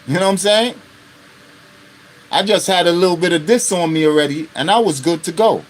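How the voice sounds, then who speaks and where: A man in his fifties with a high voice talks fairly quickly while hosting an unscripted live stream. He's blunt and profane and keeps checking in with his listeners through rhetorical questions.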